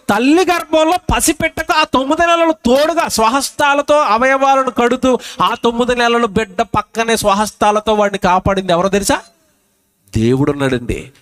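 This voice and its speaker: A man preaching a sermon at a public meeting, reading scripture slowly and pressing the crowd with repeated questions. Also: high-pitched, a bit bright. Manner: emphatic, asks the crowd repeated rhetorical questions; reads scripture slowly and deliberately. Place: outdoor public gospel meeting.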